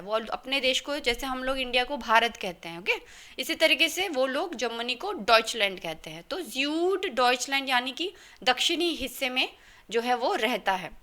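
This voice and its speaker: A woman's voice: on the high side, bright, forceful tone. A woman teaching German to learners in Hindi with an Indian accent, explaining step by step and often checking in with "okay?". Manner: explanatory, checks in with a frequent "okay?" and spells words letter by letter. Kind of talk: explaining a lesson in Hindi and English.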